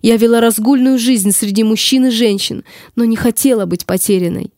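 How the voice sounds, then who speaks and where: Woman voicing a damned woman's soul, anguished and pleading, mellow raised voice, dry audiobook read. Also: a little high, normal speed, dry recording. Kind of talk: audiobook reading.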